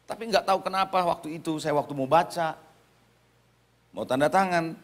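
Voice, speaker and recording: A man's voice: a little high, moderate pace. A middle-aged man with an Indonesian accent, preaching a sermon and calling out to the congregation for amens. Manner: preaching with audience call-outs. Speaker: pastor.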